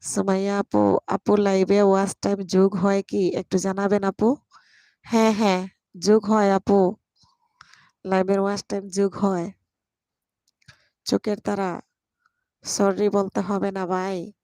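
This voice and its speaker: Young woman, live-stream host, affectionate and teasing, gravelly edge, dry close phone mic. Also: mid-range voice, level tone, measured pace, pauses often, mellow, no echo. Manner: affectionate, greets viewers one by one by name. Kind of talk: casual live stream chat reading viewer comments.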